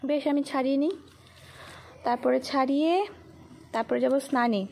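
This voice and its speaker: A young woman chatting casually through her day in a soft-spoken home vlog. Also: sits high, fairly even intonation, moderate pace, gravelly, a little hiss or hum. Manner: soft-spoken, chatty, talks to her child in a sing-song voice. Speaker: vlogger. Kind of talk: casual daily-life vlog narration.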